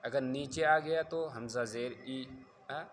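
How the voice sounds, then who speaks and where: A man teaching a Quran reading lesson. He spells syllables slowly and loudly, checking again and again that viewers follow. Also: medium pitch, slight background noise. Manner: drills letters slowly and loudly, repeats "theek hai?" to check understanding.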